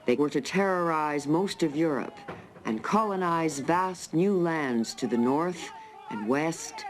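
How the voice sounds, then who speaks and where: A man reading scripted documentary narration in a measured, formal way. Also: a little high, animated, noisy background.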